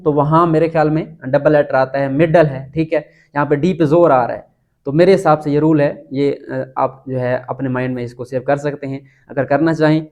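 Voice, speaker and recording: A man teaches in a relaxed, conversational way. He spells words out slowly, letter by letter, and keeps checking in with a quick "theek hai". His voice sits a little higher than most men's. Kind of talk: casual spoken lesson.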